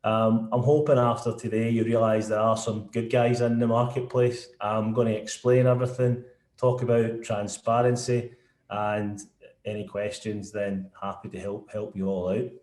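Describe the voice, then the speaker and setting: A man's voice: on the low side, flat delivery, moderate pace, a little mellow, roomy sound. A man with a broad Glaswegian Scottish accent giving an informal webinar presentation as a guest speaker. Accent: broad Scottish, Glasgow. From Scotland. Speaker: guest speaker, sales director.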